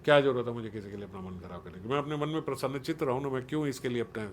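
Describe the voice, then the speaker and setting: An earnest man leads a relaxed spiritual talk for a small group, speaking at a medium pitch. He keeps putting questions to his listeners to draw them in. A faint hiss sits under his voice. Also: very fast. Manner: questioning, quizzes listeners, acts out quotes in everyday voices; earnest and persuasive. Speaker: spiritual teacher.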